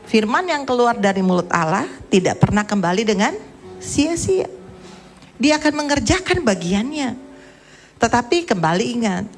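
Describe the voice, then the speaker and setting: Middle-aged female pastor preaching; higher voice with a lively range, emphatic questions. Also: breathy edge. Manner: storytelling, acts out quoted voices, rising emphatic questions. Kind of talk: sermon.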